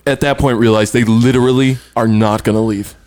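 A man's voice: medium pitch, a little fast, no room sound, clean studio sound. Laughing man telling a long story. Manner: animated storyteller, laughs a lot, swears. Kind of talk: casual storytelling chat.

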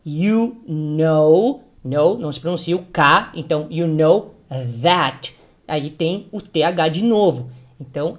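Slow, patient male English teacher. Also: a little high. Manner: patient, drills words slowly and has the listener repeat. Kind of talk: pronunciation lesson.

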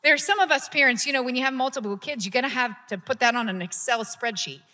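A woman's voice: sits high, quick pace, bright, forceful tone. A woman pastor preaching a sermon in a conversational style, building to emphatic points. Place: church sanctuary. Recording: long hall reverb.

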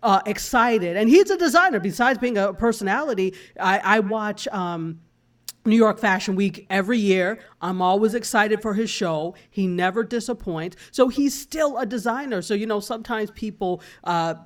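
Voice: mid-range voice, moderate pace. A speaker from Africa chatting casually as a panelist on a talk show, enthusiastic and full of restarts. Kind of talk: casual chat.

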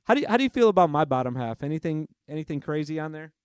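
A man talks through his basketball rankings in a loose, chatty podcast way, laughing at himself as he goes. His voice sits a bit high for a man. The recording is dry and close, with no room sound. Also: sing-song, a little mellow, smooth, dry recording. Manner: chatty, self-deprecating, quick to change his mind. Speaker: podcast host. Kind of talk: casual sports podcast chat.

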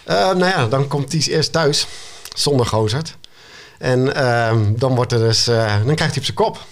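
A man, a children's book author, talking casually as a guest, with a relaxed manner, frequent hesitations and an occasional chuckle. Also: medium pitch, normal speed. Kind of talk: casual conversation.

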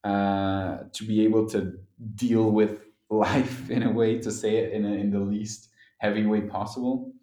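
A Belgian musician joins a podcast over a phone call, chatting casually in an interview with lots of hesitations, fillers, and restarts. His voice is lowish, level, unhurried, and dark in tone, and the room sounds echoey.

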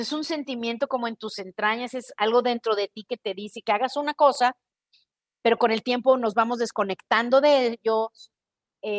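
A Mexican woman hosting a podcast, telling a personal story in a casual, expressive monologue and acting out the voices in her head. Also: fairly high pitch, no echo, clean studio sound. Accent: Mexican Spanish. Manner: expressive, animated storytelling with quoted inner voices. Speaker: podcast host.

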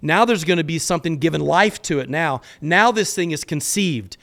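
A man's voice: fairly high pitch, normal speed, creaky, fairly bright tone. A man hosting a faith podcast, giving an earnest, exhorting sermon-like teaching in casual language, often stumbling over repeated words.

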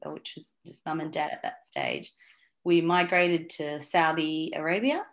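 Aussie woman being interviewed, deep-ish voice, lots of ums and uhs. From Australia. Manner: hesitant, many fillers and restarts. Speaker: interview guest. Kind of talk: conversational interview.

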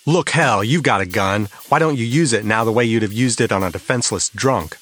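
A man's voice: on the low side, fairly quick, fairly bright tone, faint music behind, voice pushed up. A man voicing an angry, tough young detective, snapping with rage. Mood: furious. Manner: snapping, raging, contemptuous.

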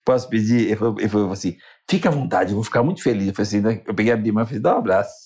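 A man's voice: lowish voice, rapid-fire, darkish tone. A Brazilian man, a motivational speaker and interview guest, telling a personal story earnestly and acting out the dialogue.

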